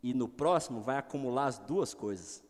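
A middle-aged pastor preaching a sermon, swinging between loud exclamations and quiet asides. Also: male voice, medium pitch, animated, normal speed. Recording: long hall reverb.

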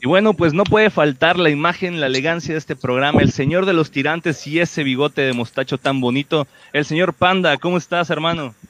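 A man's voice: on the high side, a little fast, hardly any pauses, fairly bright tone. A man with a Mexican accent hosting a casual talk show in a courteous, informal way. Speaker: host.

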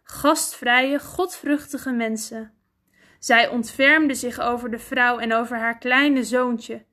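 A woman narrating a myth as a storybook reading, deliberate and expressive. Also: fairly high pitch.

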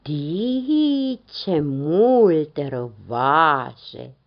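A woman's voice: low voice, wildly swooping pitch, full character voice. A woman voicing a kindly, wondering old Father Christmas in a storybook tale, on a dull lo-fi recording.

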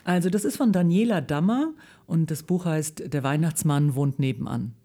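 A woman giving a live reading of a children's book in a radio studio, telling it with lively shifts in pitch, then chatting casually with the host. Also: normal speed. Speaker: guest reader.

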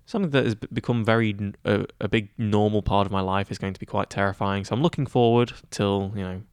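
A man's voice: on the low side, steady tone, fast talker, clean tone, dry recording, clean studio sound. A young man, a guest on a student podcast, talking casually and rambling with many fillers and restarts. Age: young adult. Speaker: guest, student head of news. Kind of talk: casual interview chat.

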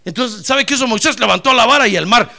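A man preaching a lively sermon as pastor, acting out little dialogues and swinging from loud to soft. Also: very high-pitched, fast, creaky.

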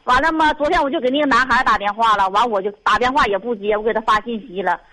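A woman's voice: on the high side, quick pace, bright, forceful tone, rough recording. A middle-aged woman with a Northeastern Mandarin accent calling an advice show, sighing and rambling in exasperation. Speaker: caller. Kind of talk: call-in conversation.

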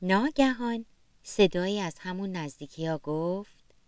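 A woman narrating a children's story gently and expressively, sometimes speaking straight to the young listeners. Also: fairly low pitch, animated, clean tone, no echo.

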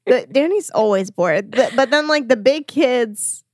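Young woman chatting casually, kinda high voice, lots of likes and ums, dry close sound. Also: lively intonation, a little slow, no room sound. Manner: rambling, lots of "like" and "um", laughs often. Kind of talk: casual chat.

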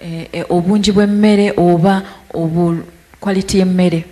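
A man interpreting a sermon into English phrase by phrase, a bit halting as he searches for words. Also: high-pitched, steady tone, warm tone. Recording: echoey hall.

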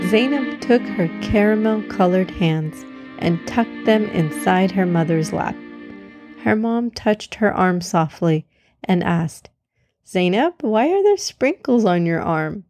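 A woman narrating a children's storybook with clear, steady reading. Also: lowish voice.

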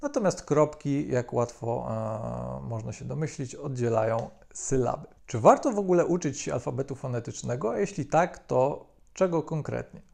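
Calm Polish man with gravelly voice. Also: mid-range voice, normal speed, hardly any pauses. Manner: calm, methodical, frequent hesitation fillers. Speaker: language teacher. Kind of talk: explanatory video lesson.

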